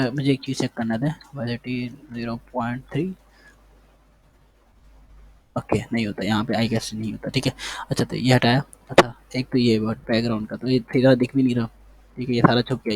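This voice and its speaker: A man teaching a casual coding lesson over his screen, thinking aloud as he types and repeating words while he checks the result. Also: medium pitch. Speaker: coding tutor.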